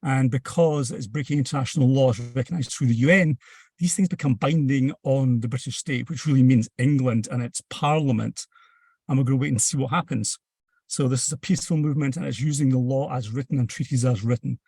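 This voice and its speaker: A man with a husky edge to his medium-pitched voice explains his cause as a panel guest. He is emphatic and plain-spoken, recorded close and dry. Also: brisk, darkish tone, dry recording. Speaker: campaign activist, panel guest. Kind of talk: explanatory interview talk.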